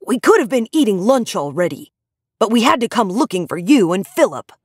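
A woman's voice: mid-range voice, big pitch swings, fairly quick, husky, dry recording, clean studio sound. A woman doing a grumpy, blunt schoolboy.

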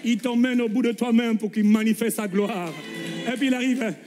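A man with a French accent preaching a lively sermon as pastor, acting out Gospel scenes in voices and calling the congregation to answer. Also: very high-pitched, normal speed, crowd noise. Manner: calls for responses from the congregation. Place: church hall. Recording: long hall reverb with faint music.

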